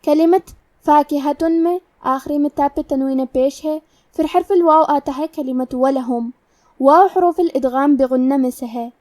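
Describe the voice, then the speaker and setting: High-voiced woman teaching Quran recitation rules. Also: a little mellow, no echo, distant mic. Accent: Pakistani Urdu. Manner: explains each rule step by step, then recites slowly. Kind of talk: tajweed lesson with slow recitation.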